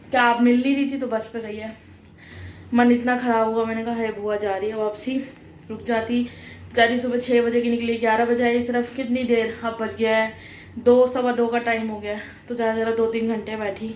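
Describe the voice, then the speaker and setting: A woman's voice: fairly high pitch, a little mellow, a little hiss or hum, poor audio. A young woman vlogging in casual chat, emotional and talkative, often addressing her viewers directly. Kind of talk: casual vlog talk.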